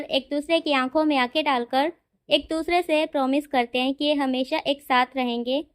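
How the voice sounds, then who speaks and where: A woman narrating a romantic fan-fiction story in a chatty, lively manner. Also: high-pitched, no echo, clean studio sound.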